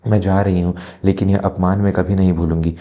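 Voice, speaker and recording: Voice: low voice, flat delivery, brisk, mellow. A performer voicing a poor, dignified elderly mother who pleads earnestly in a family drama. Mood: reproachful.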